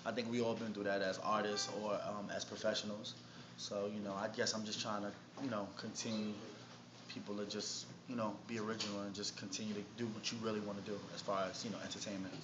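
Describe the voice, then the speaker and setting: In a noisy, muffled, echoey room, a Harlem-born rapper from New York City talks fast in a fairly low, level voice. He's interviewed and answers casually, using slang in his New York accent.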